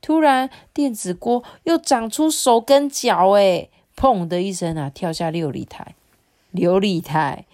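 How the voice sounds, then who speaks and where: A woman's voice: mid-range voice, measured pace, darkish tone. A woman reading a picture book aloud to a child, chatty and explaining as she goes. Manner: chatty, explains asides to the listener. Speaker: storyteller.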